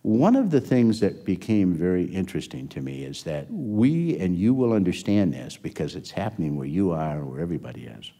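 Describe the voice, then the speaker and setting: Older man, deep mellow voice, rambling anecdotes with restarts, long reverb. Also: very animated, brisk, hardly any pauses. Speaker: interviewee. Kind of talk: oral history interview storytelling.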